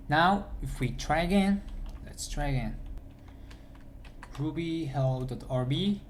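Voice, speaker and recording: A man's voice: medium pitch, slight background noise. A man teaching programming in a screencast, thinking aloud as he types and often restarting his sentences. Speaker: programming instructor. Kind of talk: screencast coding tutorial. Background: keyboard typing.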